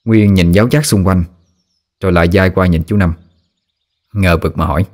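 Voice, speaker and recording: A man narrating a ghost story in a calm, measured way. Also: low voice.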